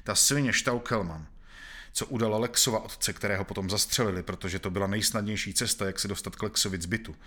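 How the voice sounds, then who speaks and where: Deep-voiced man reading a grim novel. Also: sharp tone. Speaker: narrator.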